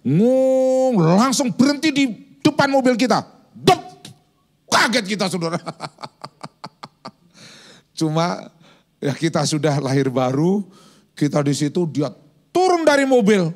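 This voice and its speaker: A male pastor preaching a sermon in a lively storytelling manner, acting out quotes and sound effects. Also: high-pitched, unhurried, pauses often.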